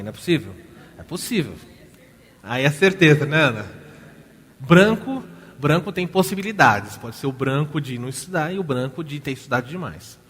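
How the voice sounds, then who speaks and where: A man with a Brazilian Portuguese accent preaching a sermon, telling a story with lively rhetorical questions to the congregation. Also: fairly high pitch, husky. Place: church hall. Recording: church hall reverb.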